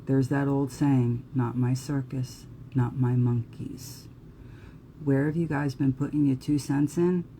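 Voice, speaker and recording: A woman's voice: a bass voice, fairly even intonation, unhurried, mellow, slight background noise. A woman with a New Jersey accent giving a live astrology talk in an earnest, emphatic way. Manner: earnest, emphatic, occasional profanity.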